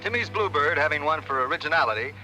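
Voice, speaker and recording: An actor playing a formal kite contest announcer, making a public address announcement heard from a distance in a 1950s TV drama. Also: male voice, on the high side, animated, fast, bright, forceful tone. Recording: distant voice over background music.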